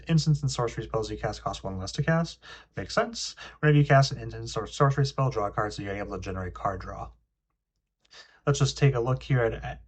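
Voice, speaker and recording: A young man hosting a casual card game review, reading card text aloud between frequent ums and uhs. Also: mid-range voice. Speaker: card game video host.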